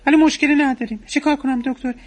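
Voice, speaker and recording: A whiny, clueless wife, as an actress plays her who lists her complaints to a counselor. She talks in a very high voice. She sounds naive and self-absorbed throughout. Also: fairly even intonation, close to an everyday voice. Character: clueless, self-centered married woman patient. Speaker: patient at a counseling session. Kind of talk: comedy sketch acting.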